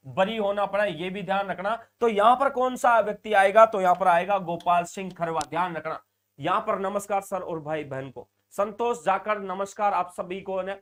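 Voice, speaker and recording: Male tutor with a high voice. Repetitive, emphatic live exam-prep teaching. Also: a bit bright. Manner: repetitive, stresses points, reads out viewer comments.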